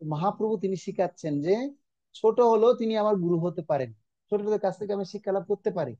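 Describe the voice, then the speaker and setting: Teacher, middle-aged man, online class, slow repetitive drilling, mellow dull-sounding voice. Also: high-pitched, dry recording. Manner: slow drilling repetition of words, quizzing students. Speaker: religious course teacher. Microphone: online video call.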